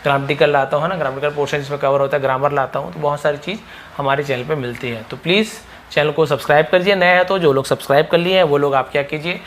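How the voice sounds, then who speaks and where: A man with a Hindi accent teaching spoken English, explaining patiently and repeating model sentences slowly. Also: fairly high pitch, steady tone, a little hiss or hum.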